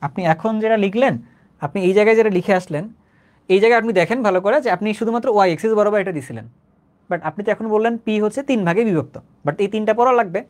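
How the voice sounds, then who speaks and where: A man's voice: sits high, very fast, darkish tone. A man, teaching chemistry in an online lecture in a conversational way, repeating phrases and often checking whether students understand.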